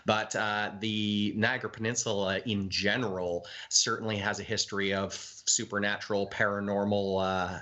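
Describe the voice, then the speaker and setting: A man's voice: on the low side, sharp tone. A Canadian man speaking as a guest in a casual interview, informal and chatty with hesitant phrasing. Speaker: ghost tour guide, interview guest.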